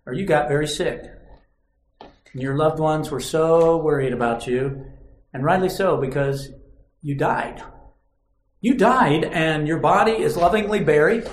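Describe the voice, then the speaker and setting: A man's voice: fairly high pitch, a little slow, pauses often. A man preaching a sermon, telling stories dramatically and acting out quoted lines. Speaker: pastor. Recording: roomy echo.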